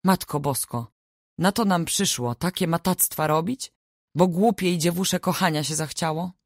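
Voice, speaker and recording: A woman's voice: on the low side, normal speed, no room sound, clean studio sound, pitched above the performer's own voice. A woman reading the lines of an indignant middle-aged village mother with rustic speech.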